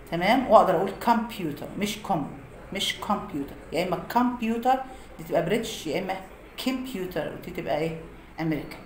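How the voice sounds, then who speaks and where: Egyptian woman teaching English pronunciation. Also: lowish voice. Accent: Egyptian Arabic. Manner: explains phonics rules with many examples. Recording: echoey room with faint noise.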